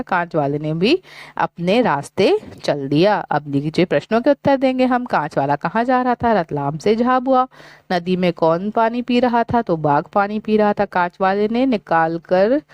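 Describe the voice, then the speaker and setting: A woman's voice: mid-range voice, darkish tone, no room sound. Woman teacher reading a children's workbook. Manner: slow, clear syllable-by-syllable reading for children. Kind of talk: reading a workbook lesson aloud.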